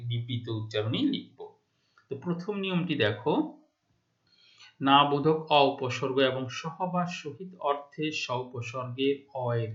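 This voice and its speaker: A man's voice: mid-range voice, highs cut off. A man from Bangladesh, a Bengali teacher, giving a classroom lecture and often stopping to check that his students follow.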